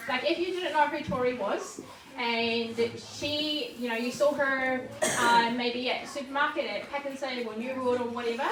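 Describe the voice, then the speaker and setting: A woman with a New Zealand accent gives an informal sermon, sounding nervous and hesitant, with halting false starts. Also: high voice. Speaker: preacher. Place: echoey indoor room before a gathering. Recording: distant microphone, echoey room, faint noise.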